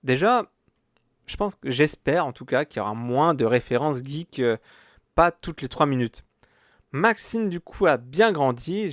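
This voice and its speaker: A man's voice: mid-range voice, no echo, studio quality. A man hosting a casual podcast, talking hesitantly with many fillers and restarts. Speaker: podcast host. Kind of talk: casual chat.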